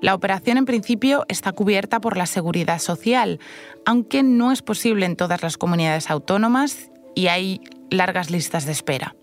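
A woman's voice: medium pitch, expressive, normal speed, soft background music. Woman narrating a news report.

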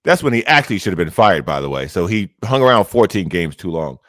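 A man's voice: sits low, very animated, fast talker, fairly bright tone, dry recording, studio quality. A man co-hosting a sports talk show, arguing emphatically and repeating his points, heard through an overloaded, distorting laptop microphone. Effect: distorted, overloaded laptop mic. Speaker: sports radio co-host. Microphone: laptop microphone, too close.

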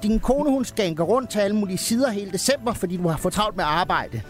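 A man voicing a small, sensible Christmas elf who calms Santa down. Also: high voice, faint music behind, pitched above the performer's own voice. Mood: reassuring. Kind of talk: comedic storytelling.

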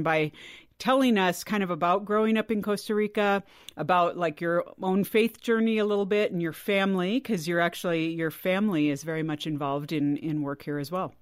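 A woman's voice: lowish voice, no echo. Chatty, teasing woman host, dry sound. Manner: chatty, teasing, laughs easily. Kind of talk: casual interview.

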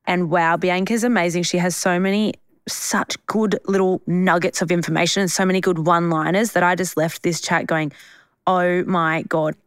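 A woman's voice: fairly low pitch, fairly even intonation, moderate pace, smooth, no echo, studio quality. A woman with an Australian accent, hosting a podcast in a casual, chummy, informal way. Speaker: podcast host. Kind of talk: casual podcast introduction and chat.

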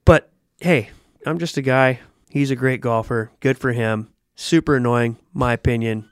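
A man co-hosting a golf podcast, talking in a blunt, profane, animated way. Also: medium pitch, moderate pace, clean tone, no echo, studio quality. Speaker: podcast co-host. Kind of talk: casual chat.

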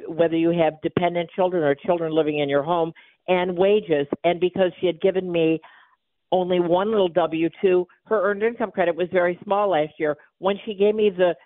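A woman's voice: lowish voice, dry recording. A wide awake, alert woman explaining things as an expert guest in a live radio phone interview. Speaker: guest tax preparer, company chief executive. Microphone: telephone. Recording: narrow tinny phone line.

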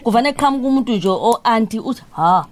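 A woman's voice: medium pitch, very fast, darkish tone. A woman with a South African accent hosting a casual, chatty radio interview, often repeating words and echoing her guest. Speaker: radio host.

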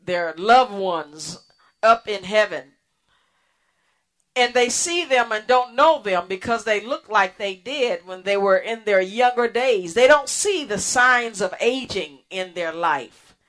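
A woman hosting a radio ministry program, preaching in a slow, earnest way with pauses and restarts. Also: medium pitch, lively intonation, fairly bright tone. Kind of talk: sermon.

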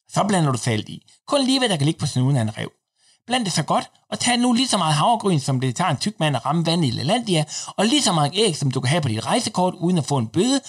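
A man narrating a recipe in a deadpan, instructional manner. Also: on the high side, slightly rough.

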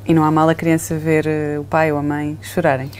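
A woman podcast host with a European Portuguese accent, asking short questions and briskly wrapping up the episode. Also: low voice, completely flat delivery, a little mellow, a little hiss or hum. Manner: brisk, wraps up and previews the next episode. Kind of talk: podcast hosting.

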